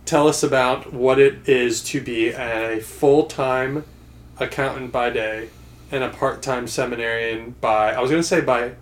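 A man hosting a relaxed podcast conversation, playful and always ready with a teasing jab. His voice sits at an ordinary mid-range pitch, and he lets the talk wander freely. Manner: playful, quick to tease and riff on guests. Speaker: podcast host. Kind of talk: casual chat.

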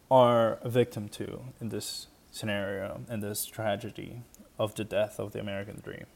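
A man hosting a commentary video, speaking slowly and deliberately. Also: on the low side, vocal fry, a little mellow. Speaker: host.

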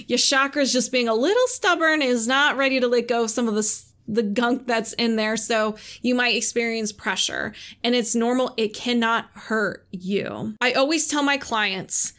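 Brief: woman podcast host, casual explainer, slightly high voice, lively and chatty. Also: moderate pace, few pauses. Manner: chatty, acts out quoted voices, laughs easily. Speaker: podcast host and Reiki practitioner.

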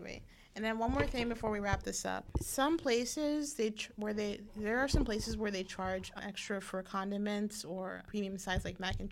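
Female co-host, mid pitch, gravelly fry, relaxed and chatty, faint noise on the track. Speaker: podcast co-host, server. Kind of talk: casual chat.

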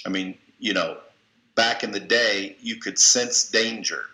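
This interview guest has a lowish, sharp-toned voice and a measured pace. Recorded in an echoey room, he gives motivational advice in conversation, blunt and coaching in a folksy style, with casual swearing.

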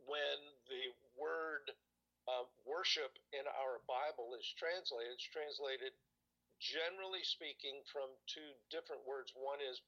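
A man telling stories in casual conversation, often pausing and searching for words. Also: medium pitch, bright, forceful tone, dull audio. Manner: rambling, hesitant, searches for words. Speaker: guest recalling church experiences.

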